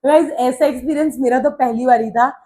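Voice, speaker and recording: A young woman vlogger telling a story in a casual, animated way, mixing Hindi with English phrases. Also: high voice, brisk.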